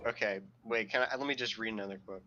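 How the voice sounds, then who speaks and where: Man, bright sharp voice, podcast co-host, reads quotes aloud, sardonic, laughs a lot. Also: fairly low pitch, quick pace, lo-fi sound, slight background noise. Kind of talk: casual podcast chat.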